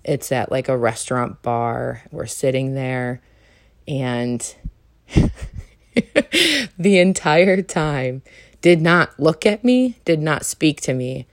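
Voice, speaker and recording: Young woman podcast host, low voice, animated casual storyteller who jumps up high for quotes, dry recording. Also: takes it slowly, pauses often, no room sound. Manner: animated, acts out quoted lines with big pitch jumps.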